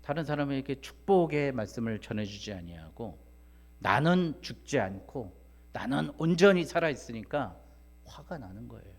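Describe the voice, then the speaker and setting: A man preaching a sermon, swinging from loud emphatic rises to hushed, almost whispered asides and firing rhetorical questions at the congregation. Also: mid-range voice, big pitch swings, normal speed. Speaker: pastor.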